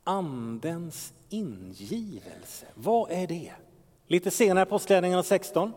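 A man's voice: high-pitched, darkish tone. A man preaching a sermon as pastor, asking rhetorical questions and sometimes dropping into a whisper. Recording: long reverb of a large hall.

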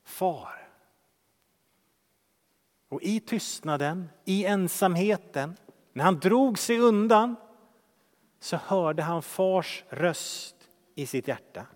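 A man preaching a sermon as pastor, earnest, swinging from loud emphasis to hushed softness. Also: high voice, animated, long pauses, long reverb tail. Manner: earnest, shifting between loud emphasis and hushed soft speech.

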